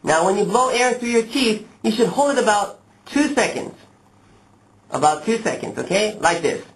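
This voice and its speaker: A man presenting a pronunciation lesson to learners, modeling speech slowly and with exaggerated, deliberate clarity. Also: high-pitched, lively intonation, low-quality recording. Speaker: pronunciation teacher, lesson host. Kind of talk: instructional lesson to camera, addressing learners.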